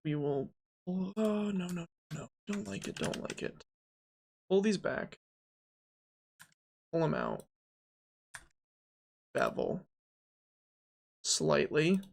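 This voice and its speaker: Young male streamer with a gravelly, fry-edged voice, rambling chattily over keyboard clicks while he builds a 3D model live. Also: a little high, expressive, takes it slowly, long pauses. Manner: chatty, thinks aloud, reads and answers chat. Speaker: game dev streamer.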